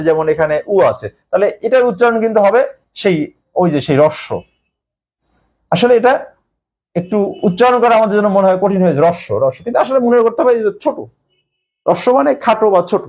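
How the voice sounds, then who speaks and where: A male teacher explaining a grammar lesson step by step, pausing often with hesitations. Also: sits high, darkish tone.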